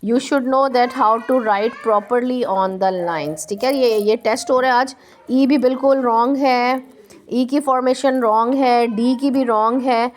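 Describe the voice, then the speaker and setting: Slow-drilling teacher woman, higher voice. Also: steady tone, a little hiss or hum. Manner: slow, drawn-out English and quick Hindi asides; prompting and repeating answers. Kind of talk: classroom lesson.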